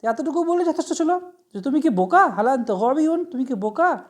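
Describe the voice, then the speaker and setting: A woman with a Bangladeshi accent teaching an Arabic vocabulary lesson, explaining slowly, repeating each word and asking her students questions. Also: high-pitched, lively intonation.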